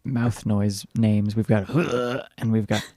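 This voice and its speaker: A man's voice: fairly low pitch, level tone, a little slow, dark tone, dry recording, studio quality. A man co-hosting a movie podcast in casual chat, laid-back and a bit hesitant. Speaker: podcast co-host.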